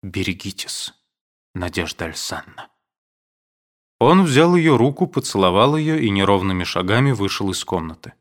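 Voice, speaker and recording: A man reading classic prose aloud as an audiobook narrator, in a measured, expressive storytelling manner. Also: mid-range voice.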